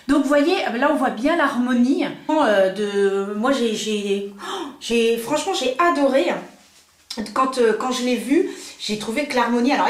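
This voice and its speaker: A middle-aged woman speaks in a high-pitched voice with a reverberant sound. A beauty vlogger in a salon, she chats through a makeup tutorial, gushing and using lots of fillers.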